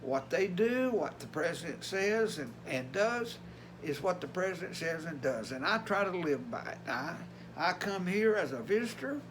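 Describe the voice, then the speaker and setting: A man's voice: high voice, very animated, normal speed, background noise. An older man with an Appalachian Tennessee accent, talking casually and plainly to his vlog viewers in a folksy way. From Tennessee, USA. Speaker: vlogger.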